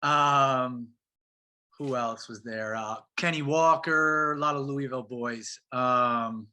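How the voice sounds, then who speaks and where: Bright-voiced man chatting casually. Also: medium pitch, slow. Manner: animated, slangy, says bro and man often. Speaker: pro soccer player guest. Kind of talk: casual interview chat.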